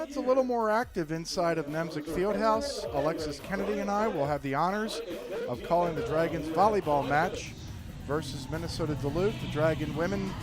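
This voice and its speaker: A man calling a college football game live as play-by-play announcer, joking with his partner between plays. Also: fairly high pitch. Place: press box at a football stadium. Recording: crowd noise behind.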